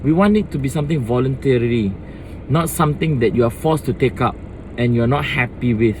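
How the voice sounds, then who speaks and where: Talking to the camera in a fired-up casual rant, a young Malaysian man mixes Malay words into his English with a Malaysian accent. He speaks fairly quickly at medium pitch, expressive and darkish in tone, on a low-quality recording with slight background noise.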